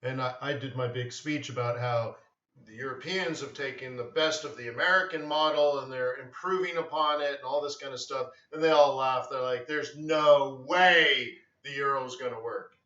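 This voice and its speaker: Guy rambling on a live trading stream, bright voice, echoey room, kinda far from the mic. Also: medium pitch, fairly quick. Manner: rambling, storytelling, animated with acted quotes. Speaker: forex trading livestream host. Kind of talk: casual live-stream chat. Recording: roomy, distant, slightly dull sound.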